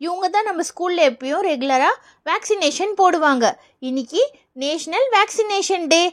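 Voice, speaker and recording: A woman voicing a calm, kind schoolteacher addressing her class in a doll play. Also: very high voice, moderate pace. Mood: instructing. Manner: gently instructive.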